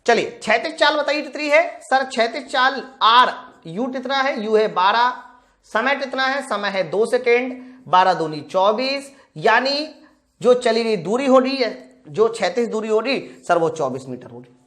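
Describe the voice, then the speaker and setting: Teaching a live physics lesson for exam students, a high-voiced woman goes through practice questions one step at a time. Her tone is fairly bright and animated, her pace measured, and she talks to the students casually, asking questions and then supplying the answers.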